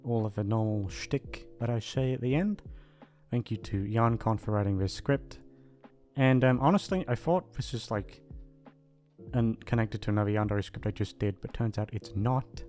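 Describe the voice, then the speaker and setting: Signing off to his listeners, a voice actor rambles casually and aimlessly, hesitant and self-deprecating, in an outro chat. His fairly low voice is a little mellow at normal speed, with soft background music.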